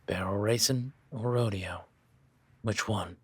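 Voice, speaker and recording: Slow and slightly rough, a man's fairly low voice plays a rugged cowboy rancher, with no echo on the recording. He talks straight to the listener in a first-person audio roleplay, teasing a new ranch hand as he sizes them up. He keeps it relaxed and speaks softly to his horse.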